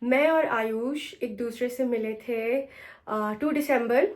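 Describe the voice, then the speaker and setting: A woman's voice: fairly high pitch, slow pace. A young woman vlogging at home in casual chat, talking chattily and mixing English phrases into her speech. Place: home, getting ready.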